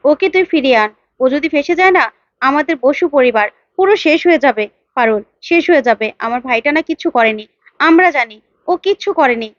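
A woman's voice: sits high, expressive, fairly quick, no room sound, muffled recording. A woman voicing a weeping, pleading father. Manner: tearful, begging. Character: distraught older father pleading for his brother.

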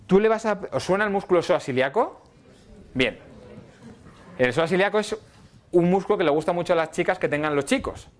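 A man's voice: sits high, lively intonation, fairly quick, pauses often. A middle-aged man lecturing physiotherapy students in a casual way, often checking in with "¿vale?". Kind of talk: university lecture. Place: lecture hall.

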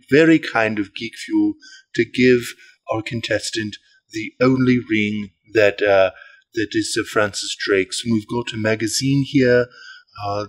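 A man putting on a polite, earnest golf commentator, giving measured, deliberate mock sports commentary. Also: medium pitch, natural voice. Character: mock golf announcer, male, polite, earnest, calling an unboxing.

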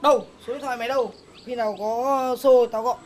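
A man's voice: extremely high pitch, steady tone, quick pace, a little hiss or hum. An actor playing a boastful young village man who leads a hired mourning troupe, speaking brashly.

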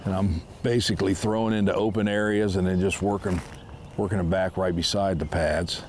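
Speaking a touch quickly in a low, somewhat mellow voice with fairly even intonation, a fifty-something fishing-show host casually teaches his technique. He fishes from a small boat on an outdoor lake, with slight noise in the background.

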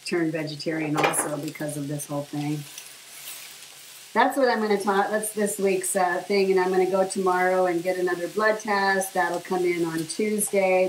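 Her voice on the low side, a middle-aged vlogger chats and rambles with frequent fillers about what she eats as she cooks in her kitchen at home. A camera on the counter, a short distance away, records the echoey room, faint hiss, and the sizzle of food in a pan.

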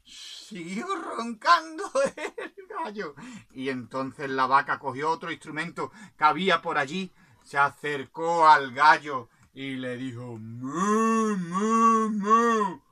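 A man with a Spanish accent telling an animated children's story, playfully imitating animal sounds and laughing along. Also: on the high side, takes it slowly.

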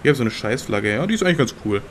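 Young guy for let's-play commentary, slangy and excitable, mid-pitched, faint hiss behind him. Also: racing. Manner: slangy, excitable, talks to the game characters. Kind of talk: casual gameplay commentary.

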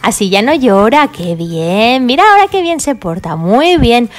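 Woman, high voice, cheerful, talking to children about toys. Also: big pitch swings, a little slow. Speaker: toy video presenter. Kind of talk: toy play and review for children.

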